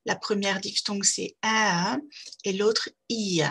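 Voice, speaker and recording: A woman's voice: medium pitch, steady tone, takes it slowly, vocal fry, fairly bright tone, husky. A woman pronunciation teacher, speaking in a patient, carefully articulated way as she repeats model words. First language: French.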